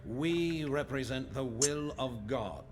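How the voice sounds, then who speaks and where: A cold fanatic from a video game, speaking with solemn menace. The words come very slowly, over clearly audible noise and clicks. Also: male voice, mid-range voice, lively intonation. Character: cold fanatical male doomsday cult villain.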